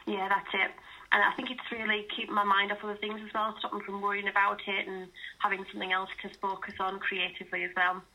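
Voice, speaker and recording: A woman's voice: medium pitch, little pitch movement, quick pace, pushed and bright. Chatty woman on a phone line. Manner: chatty, laughs easily. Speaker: guest illustrator. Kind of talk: casual radio phone chat.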